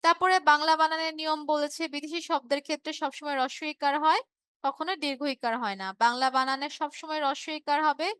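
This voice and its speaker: A woman's voice: high-pitched, fairly even intonation, a little fast, a bit bright, no room sound. A woman teacher from Bangladesh giving an online revision class, explaining patiently, repeating key words and checking in with her students.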